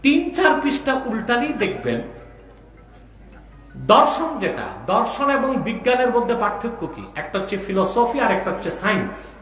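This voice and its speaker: A man preaching a sermon through loudspeakers, his voice carried by heavy hall echo in a large building. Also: sing-song, normal speed, faint music behind. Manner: preaching fervently, chanting Arabic phrases. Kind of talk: religious sermon. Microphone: microphone through loudspeakers. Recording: booming echoey hall reverb, PA sound.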